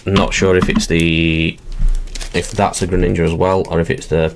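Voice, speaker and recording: Seated at his desk, a man hosting his channel opens card packs and talks himself casually through every step. His voice is low with little pitch movement, at a moderate pace, and a little hiss or hum is audible.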